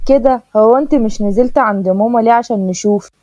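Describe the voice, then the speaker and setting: A flirtatious married brother-in-law flatters and grumbles in an Egyptian accent, read by a woman narrator. The voice is fairly high and mellow, and the recording sounds dry. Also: quick pace, no room sound, lo-fi sound, close to an everyday voice. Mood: flirting. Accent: Egyptian Arabic. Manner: flattering, complaining.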